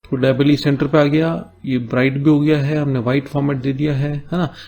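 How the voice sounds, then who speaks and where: A man with a mid-range, level, slightly mellow voice narrates a screen-recorded coding lesson. He breaks everything into steps in Hindi, frequently checking in with "है ना?", and slowly reads out English task notes along the way.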